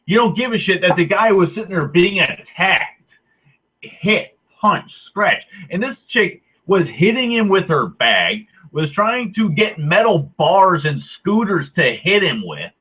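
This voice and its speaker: A man's voice: sits high, sing-song, measured pace, breathy edge. A ranting man on tinny, phone-like audio. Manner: heated, profane, sarcastic. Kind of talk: angry ranting monologue.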